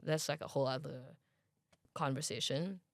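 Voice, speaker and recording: A young Malaysian-accented woman is a guest in a casual interview, rambling chattily with lots of fillers and restarts as she thinks aloud. Her bass voice has a gravelly edge and moves at a moderate pace, captured in a dry, close recording.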